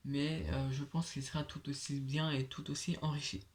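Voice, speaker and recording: A young man with a slushy lisp, his s sounds slurring toward sh, presenting casually and haltingly like a home vlogger. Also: a little high, flat delivery. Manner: halting, hesitant, filler-heavy. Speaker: host of a comic book collection video series.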